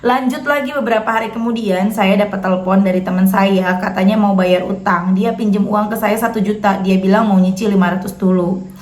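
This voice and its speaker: A woman's voice: mid-range voice, steady tone, brisk, a little mellow, reverberant. A woman host, reading out a viewer's letter and then reflecting on faith, speaking chattily and often addressing her listeners as friends.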